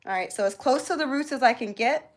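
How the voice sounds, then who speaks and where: Born in Jamaica and raised in Florida, US, this woman hosts a live beauty tutorial, chatting informally and addressing her viewers directly. Her voice is high-pitched and her delivery fast.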